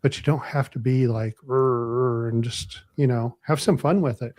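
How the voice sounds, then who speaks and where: A man's voice: medium pitch, fairly even intonation, normal speed, darkish tone, no room sound. A man hosting a casual podcast chat, asking guests questions in a laid-back way over a video call. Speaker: podcast host.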